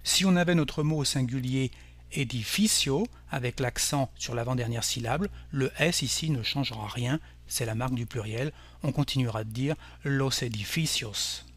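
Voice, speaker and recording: A man teaching a language lesson, explaining rules slowly and carefully with example words. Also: mid-range voice. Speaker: Spanish teacher. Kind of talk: scripted language lesson narration.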